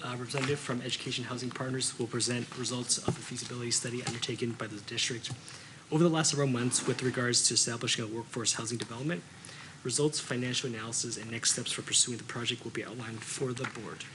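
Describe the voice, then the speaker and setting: A man's voice: mid-range voice, steady tone, quick pace. A man chairing a board meeting, speaking in a formal procedural style. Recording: noisy meeting room.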